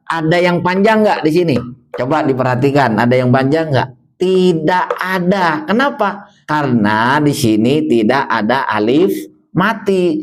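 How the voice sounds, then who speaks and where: A man with a fairly high voice teaches a beginner Quran reading lesson. He asks questions and answers them himself, drawing words out slowly when modeling the recitation.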